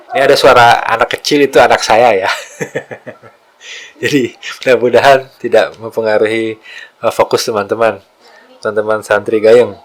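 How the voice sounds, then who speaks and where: A man's voice: medium pitch, background noise. A man giving a casual lesson on Quran letter pronunciation, demonstrating throat sounds again and again in a humble, self-deprecating way.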